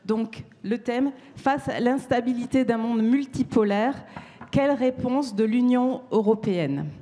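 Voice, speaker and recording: A woman's voice: fairly high pitch, measured pace, mellow. Woman moderator in an echoing hall. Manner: hesitant, many fillers. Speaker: panel moderator. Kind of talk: conference panel introduction. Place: large conference hall. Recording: reverberant hall sound.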